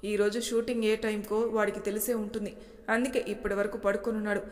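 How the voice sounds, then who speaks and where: A woman's voice: mid-range voice, little pitch movement, fast, in a large hall, lightly acted. Woman voicing an anxious grandfather. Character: worried grandfather, older man, fond of grandsons.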